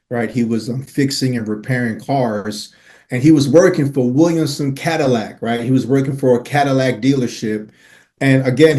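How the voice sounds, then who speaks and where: A man's voice: mid-range voice, mellow. Earnest man from Miami telling his story. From Miami, Florida. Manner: earnest, slangy, lots of "uh" and "right?". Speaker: podcast guest. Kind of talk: storytelling in an interview.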